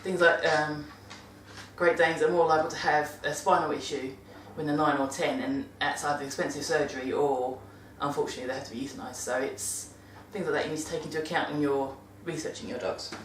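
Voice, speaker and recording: Her low, steady voice has a fairly bright tone and a brisk pace. She's a British woman giving casual dog-care advice in her monthly vlog, rambling and correcting herself mid-sentence, recorded on a distant mic that sounds roomy and carries a little hiss or hum.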